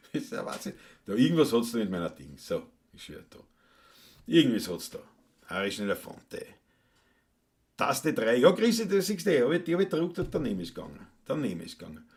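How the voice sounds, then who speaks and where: A man with a Viennese accent, chatting casually and gruffly on a solo live stream, joking and cursing between songs. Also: medium pitch, very animated, a little fast, a little mellow. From Austria. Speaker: solo livestream musician. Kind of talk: casual live-stream chat with Wienerlied singing. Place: home, indoors.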